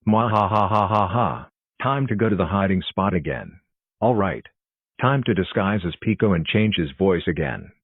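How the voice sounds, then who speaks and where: Deep dry guy doing a scheming cartoon cat, gloating theatrical villain. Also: lively intonation, moderate pace, slightly rough, no room sound, phone-quality sound, heavily acted. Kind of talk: scripted cartoon dialogue.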